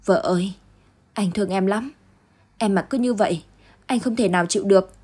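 A woman reading as a gentle consoling husband. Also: medium pitch, moderate pace, husky, natural voice. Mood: tender. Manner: soft, soothing.

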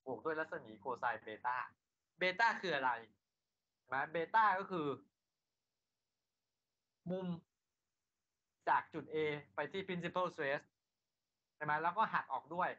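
Bright-toned man lecturing, lo-fi. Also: fairly high pitch, slow pace, pauses often. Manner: asks students rhetorical questions, then answers them himself. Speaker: university engineering lecturer. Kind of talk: classroom lecture. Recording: lo-fi lecture recording.

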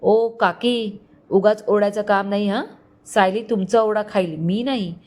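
A woman's voice: medium pitch, fairly even intonation, unhurried, a little mellow, close to an everyday voice. A woman voicing a hot-headed young villain. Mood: defiant. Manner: heated, defiant. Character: angry scheming young man, villain.

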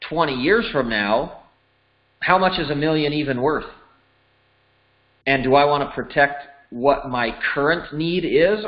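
A man in his forties giving a conversational finance lesson as a voice-over, working through the numbers step by step. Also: mid-range voice. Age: 40s. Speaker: financial educator. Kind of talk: explanatory lesson over slides. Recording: slightly dull lo-fi audio.

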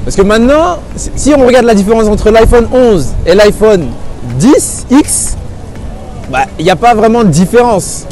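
Thoughtful young man, fairly high voice. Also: animated, normal speed, darkish tone, soft background music, some chatter behind. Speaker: street interviewee. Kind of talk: street interview answers. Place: busy city avenue outdoors.

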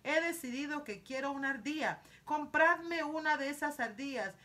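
A spoiled, demanding rich girl whines loudly and insists on getting her way, played by a woman reading aloud. Her voice is pitched up and bright, with a bratty, insistent edge. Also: animated, moderate pace. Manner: whiny, loud, demanding.

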